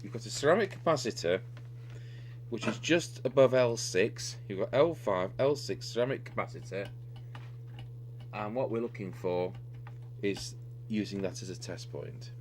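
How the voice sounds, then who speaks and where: This clearly noisy recording, full of steady electrical hum and noise, captures a man demonstrating electronics repair at the bench. His voice is on the low side, at a moderate pace with long pauses, as he methodically thinks aloud in an unscripted walkthrough.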